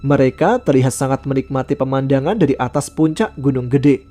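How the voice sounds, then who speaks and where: A man narrating a true-life mountain horror story in a steady, even reading voice. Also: medium pitch, a little fast. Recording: faint background music.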